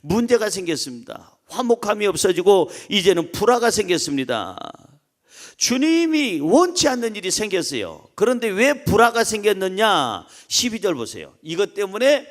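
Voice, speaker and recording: A male pastor preaching an animated, joking sermon, swinging between loud calls and soft asides, and leading the congregation in reading aloud. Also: high voice, moderate pace.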